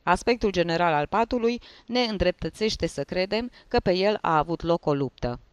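A man voicing an eager young male assistant investigator in a read-aloud story, his voice raised noticeably high. He reports each clue earnestly, in a dry, close recording. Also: smooth, no room sound, lo-fi sound, lightly acted.

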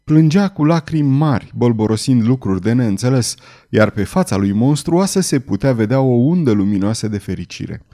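A man narrating a dramatic novel in a measured, theatrical style. His voice is dark and mellow, at an ordinary pitch. He sets each scene with steady weight.

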